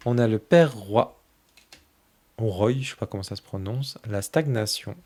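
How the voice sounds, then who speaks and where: Speaking at normal speed in a fairly low voice, a tarot channel host leafs casually through a new oracle deck. He remarks fondly on every card, softly, frequently letting his sentences trail off.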